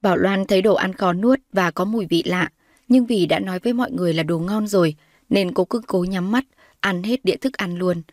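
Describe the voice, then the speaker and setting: Brief: woman storyteller, mid-pitched, very dry close recording, reads all the parts herself. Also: brisk, no echo. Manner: reads all the characters' lines in her own voice, rising when characters shout. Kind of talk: scripted narration with voiced dialogue.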